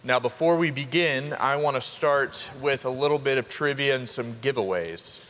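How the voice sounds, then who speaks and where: A young man, a college dean of students giving an upbeat orientation welcome to students and parents, with quick asides to the crowd. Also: mid-range voice, a bit bright. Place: large hall. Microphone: handheld microphone. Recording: reverberant hall with faint ambience.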